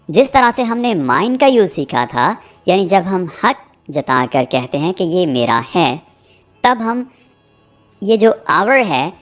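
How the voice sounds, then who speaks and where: A man teaching a spoken English lesson. He repeats example sentences slowly and checks in often with "theek hai.". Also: high voice, fairly bright tone. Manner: explains with frequent "theek hai" check-ins.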